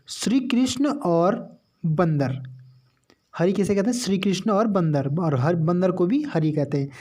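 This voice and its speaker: A man's voice: high voice, dark tone. A man teaching an exam-prep grammar lesson. He asks the class questions, answers them himself, repeats key terms and keeps calling his listeners friends.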